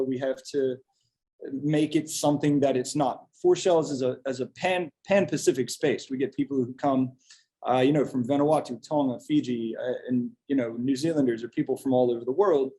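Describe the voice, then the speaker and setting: A man from the United States talks as a kava bar owner on a webinar panel. He keeps stopping and restarting his sentences. His voice is soft and mellow. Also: medium pitch. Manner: halting, many restarts.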